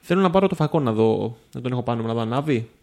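A man's voice: mid-range voice, animated, vocal fry, a little mellow. A man playing a mystery game as a guest, thinking aloud and asking curious questions about the room. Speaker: player guest.

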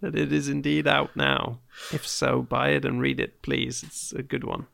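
A man co-hosting a podcast with a dry, wry delivery and quick deadpan jokes. His voice sits in a middle pitch and has a strongly gravelly, creaky texture throughout. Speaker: podcast co-host. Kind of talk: casual chat.

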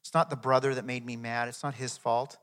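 A man preaching a sermon as pastor, emphatic, swelling loud and dropping to a soft prayer tone, in a hall with long reverb. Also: mid-range voice, steady tone, brisk.

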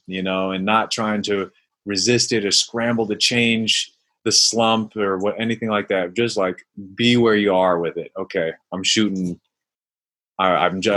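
A fairly low, fairly bright male voice belongs to an interview guest, an ex-basketball player who now works as a mindfulness coach. His answers are thoughtful and exploratory, peppered with fillers and false starts, and at times he acts out what his inner voice says.

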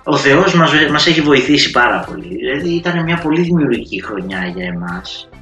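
A man's voice: mid-range voice, big pitch swings, bright, forceful tone. A man hosting a cooking channel, talking casually to his viewers in a chatty, slangy storytelling way. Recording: roomy echo with faint music.

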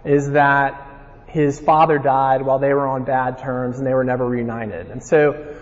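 A conference preacher from Alabama, with a Southern accent, preaches informally and folksily, moving between scripture and personal stories. His mid-range voice is flat and moderately paced, captured live with a dull sound in a large reverberant hall.

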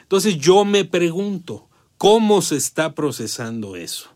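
A man's voice: on the high side, sing-song, measured pace, darkish tone. A man with a Mexican accent gives conversational political commentary, repeating phrases for emphasis and posing rhetorical questions. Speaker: panel commentator.

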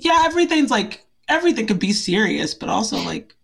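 A woman's voice: fairly high pitch, very animated, fairly quick, creaky, breathy edge. A woman from Portland, Oregon, chatting as an interview guest in a bubbly, giggly, self-deprecating way. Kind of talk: casual interview chat.

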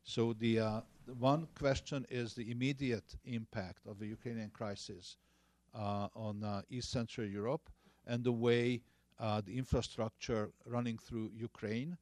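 A man's voice: mid-range voice, steady tone, unhurried, a little mellow, no echo. A man from Hungary with a Hungarian accent, giving hesitant panel remarks full of filler sounds and restarts. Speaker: panelist, former energy minister.

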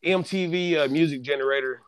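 A man's voice: a little high, brisk, clear, resonant tone, no room sound, clean studio sound. A man from Kentucky with a Southern accent, a musician guest chatting casually on a podcast, drawling and dropping "man" and "you know" between thoughts. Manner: laid-back drawl, peppers talk with "man" and "you know". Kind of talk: casual chat.

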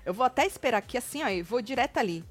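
A woman's voice: fairly high pitch, lively intonation, very fast, soft background music. A woman from São hosting a casual gossip chat, teasing and repeating phrases for effect. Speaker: show host.

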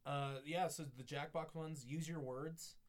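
A man in his late twenties hosting a casual podcast chat, chatty and quick to tease with a ready laugh. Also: fairly high pitch, fairly even intonation. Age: 20s.

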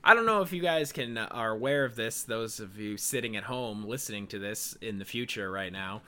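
A man's voice: on the low side, expressive, a little fast, pushed and bright. A young man co-hosting a casual podcast, laid-back and rambling, tired and laughing often. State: tired and sleepy. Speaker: podcast co-host. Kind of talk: casual chat.

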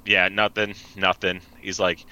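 A man's voice: sits low, little pitch movement, measured pace, sharp tone, clean tone. A man in casual chat among friends, telling a long rambling story and acting out the people in it.

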